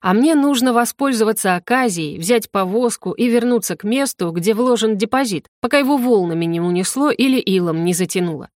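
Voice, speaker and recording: Woman reading a fantasy audiobook, wry and lively, dry close mic. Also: mid-range voice, a little fast, few pauses, no room sound. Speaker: audiobook narrator. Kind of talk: first-person fantasy audiobook narration.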